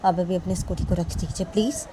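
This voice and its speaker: A woman voicing a calm college principal who coaxes and politely pleads to settle a quarrel. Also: lowish voice, quick pace, background noise, close to an everyday voice. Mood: placating. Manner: soothing, coaxing, polite pleading.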